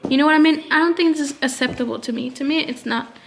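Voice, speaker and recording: A mother talking in a personal vlog, holding back tears, halting and frustrated, with many restarts. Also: sits high. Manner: halting, hesitant, full of restarts; frustrated and upset. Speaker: mother vlogger.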